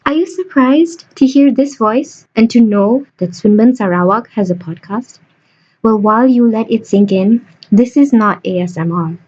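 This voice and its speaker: A woman's voice: fairly high pitch, expressive, normal speed, darkish tone, breathy edge. A young woman hosting a student podcast, playful and theatrical, joking her way through the interview. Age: young adult. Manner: bubbly, jokey, theatrical. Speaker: podcast host. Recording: dull lo-fi home recording.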